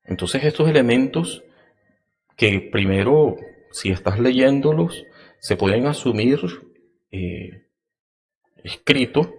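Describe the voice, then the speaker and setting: A man hosting a podcast, explaining a topic slowly and deliberately, with many fillers and restarts. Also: animated. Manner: acts out example phrases in a raised, sing-song pitch. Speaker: podcast host.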